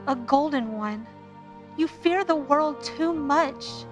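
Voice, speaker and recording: High-voiced, earnest young woman, acted. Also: faint music behind. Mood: sad reproach. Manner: measured, earnest, reproachful. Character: wounded, resolute young woman parting from her love. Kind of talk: radio play acting.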